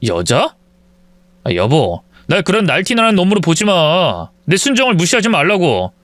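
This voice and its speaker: A man's voice: sits high, wildly swooping pitch, moderate pace, a bit bright, dry recording, exaggerated voice. A man doing a touchy, sulky young husband. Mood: indignant.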